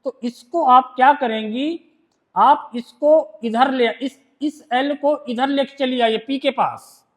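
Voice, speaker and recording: A man with an Indian accent teaching a shorthand lesson, explaining rules step by step and often checking whether his students have understood. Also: very high voice. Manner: reads rules aloud in English slowly, then explains in Hindi. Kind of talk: classroom lesson.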